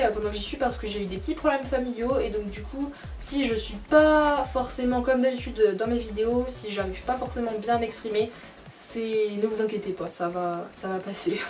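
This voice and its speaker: A young beauty vlogger chats casually from her mother's bedroom, recorded indoors on a camcorder mic that sits far from her. Her voice is a little high, darkish in tone and fairly quick. She hesitates, using many fillers and apologizing often.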